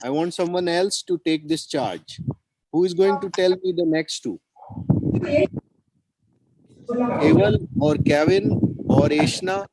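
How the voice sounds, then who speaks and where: A man's voice: high voice, sing-song, measured pace, very noisy. A man teaching children over a video call, encouraging them and repeating his praise and questions. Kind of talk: online children's class.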